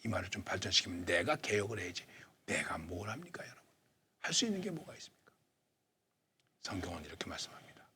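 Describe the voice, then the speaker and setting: A man preaching a sermon, asking questions and answering them himself, slowing down to stress points and dropping to near-whispers. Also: low-pitched, expressive, pushed and bright, a little hiss or hum. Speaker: pastor.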